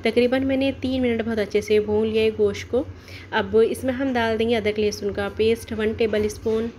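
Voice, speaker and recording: A woman hosting a cooking channel, giving a steady step-by-step voice-over of a recipe and explaining each option as she goes. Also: on the high side, moderate pace, a little hiss or hum.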